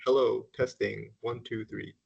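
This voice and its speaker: A man from Finland, the keynote speaker, introducing himself on a video call in a relaxed, joking way. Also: fairly low pitch, measured pace, creaky, slight background noise. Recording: dull lo-fi call audio.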